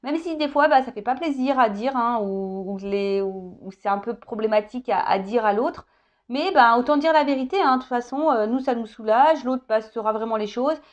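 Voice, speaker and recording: A woman in her thirties chats her way through a tarot guidance reading, joking and tagging her phrases with little asides. Her voice sits fairly high. The recording is dull and lo-fi. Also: moderate pace. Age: 30s. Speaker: tarot reader. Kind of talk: casual tarot guidance chat.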